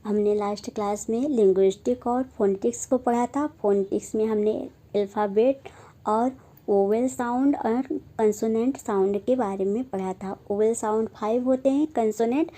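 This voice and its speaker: A young woman teaching a phonetics lesson. She speaks slowly, repeats herself, and says each example word aloud. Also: fairly high pitch, dark tone. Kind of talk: phonetics lesson explained in Hindi.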